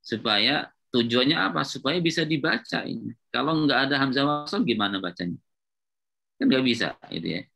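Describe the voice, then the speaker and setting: Bright-toned male Arabic grammar teacher. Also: mid-range voice, lively intonation, fairly quick, creaky. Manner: patient, repetitive, checks with students often. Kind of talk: classroom lecture at a whiteboard.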